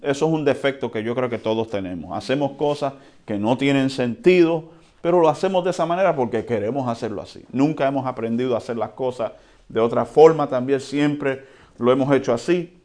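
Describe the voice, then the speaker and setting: A man preaching a sermon in a conversational way, often checking in with the congregation and swinging between quiet and loud. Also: mid-range voice, brisk. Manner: lively swings between soft and loud, with chuckles. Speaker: pastor.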